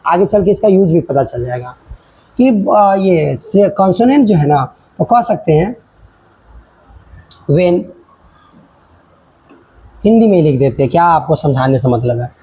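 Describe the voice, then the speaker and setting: Patient teacher, soft warm tone, repeats and checks in often, classroom grammar lesson. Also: mid-range voice, animated, measured pace, pauses often, slightly rough, rough recording. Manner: repeats points and checks in often, mixing in English words.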